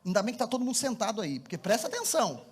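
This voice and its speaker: A pastor with a Brazilian Portuguese accent delivers a sermon in a strikingly high voice. He tells stories with animation and presses into fervent, repeated appeals to his listeners. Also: big pitch swings, rapid-fire, breathy edge.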